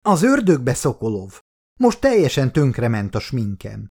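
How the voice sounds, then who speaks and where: A man reading an audiobook, voicing an elegant, proud older grandmother who talks in a brisk, composed way. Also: rumbling low, very animated, darkish tone, husky, full character voice. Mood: wry.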